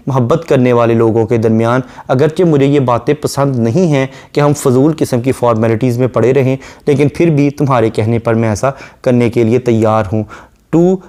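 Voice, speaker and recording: A man lecturing on a poem, reading each English line slowly and then explaining it at length. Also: mid-range voice, warm tone. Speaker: literature lecturer.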